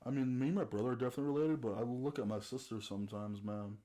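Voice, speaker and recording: Chill young guy on a podcast, dark mellow voice, lots of dude and like. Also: medium pitch, very fast. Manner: easygoing, says "like" and "dude" a lot. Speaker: podcast guest. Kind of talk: casual chat.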